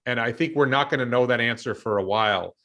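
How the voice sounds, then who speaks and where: A man's voice: mid-range voice, quick pace, bright, forceful tone. An American man in his fifties, hosting a casual discussion and thinking aloud with many ums and restarts. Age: 50s. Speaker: show host and investor.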